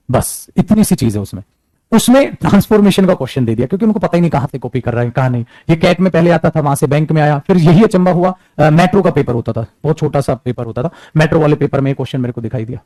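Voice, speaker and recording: A man teaching an English grammar class, talking lively and calling his students beta as he mixes English terms into his talk. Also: a little high, no room sound. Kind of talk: classroom lecture.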